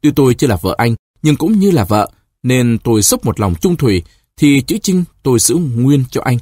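A man voicing a distraught pregnant young woman of eighteen, pleading in a husky, reproachful way in an audio story. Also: mid-range voice, big pitch swings, moderate pace, dark tone, no room sound, studio quality.

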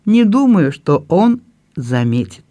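A man reading an audiobook and voicing a gentle older brother who speaks softly and jokes kindly. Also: high-pitched, expressive, unhurried. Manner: soft, kindly, gently joking.

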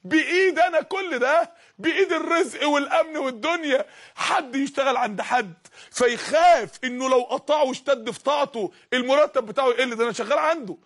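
An Egyptian-accented preacher delivers a fervent Islamic sermon in an extremely high, slightly bright voice, speaking quickly and urging his listeners on again and again.

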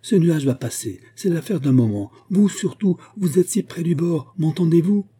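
A man's voice: a little high, animated, normal speed, warm tone, breathy edge, pitched above the performer's own voice. A man reading a novel aloud, voicing an anxious young man calling out urgently. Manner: urgent, pleading.

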